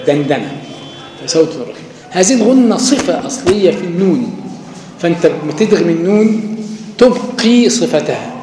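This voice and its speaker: A man's voice: a little high, dark tone. A man with an Egyptian accent, giving a colloquial lecture on Quran recitation that uses everyday examples and demonstrated sounds. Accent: Egyptian Arabic. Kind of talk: recorded lecture on tajweed. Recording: echoey hall with faint background hum.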